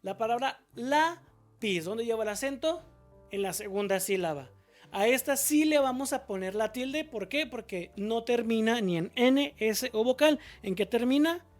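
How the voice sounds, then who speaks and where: A woman's voice: a little high, expressive, faint music behind. Patient Spanish-speaking woman teacher. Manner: patient, explains step by step, asks and answers own questions; stretches example words slowly syllable by syllable. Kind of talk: recorded spelling lesson.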